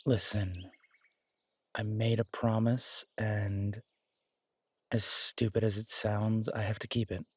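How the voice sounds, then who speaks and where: For an intimate roleplay audio drama, a man with a lowish, breathy-edged voice plays an affectionate werewolf boyfriend who likes tinkering with bikes, sounding gentle and reassuring. His pitch barely moves, his speech is casual and halting, and there's no room sound.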